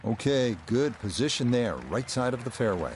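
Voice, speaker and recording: A man acts as a golf commentator calling play-by-play for a video game. He sounds measured and polished at a middling pitch. Outdoor noise and a crowd are clearly audible behind him. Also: animated, lightly acted. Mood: upbeat, measured. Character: male TV golf play-by-play announcer. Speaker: golf commentator, lead announcer.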